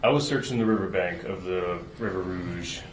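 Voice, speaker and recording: A man testifying as a search and rescue witness, answering questions haltingly with fillers, played from a courtroom recording. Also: low-pitched. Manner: halting, with many fillers and restarts. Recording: roomy courtroom recording with background noise.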